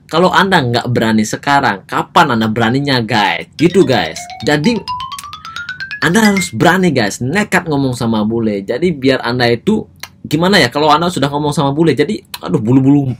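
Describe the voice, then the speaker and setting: A man from Bali giving casual, animated advice to his viewers in a vlog. He keeps calling them "guys" and his voice jumps up high to stress a point. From Bali, Indonesia. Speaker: vlogger giving advice on speaking English. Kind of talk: casual advice talk to camera.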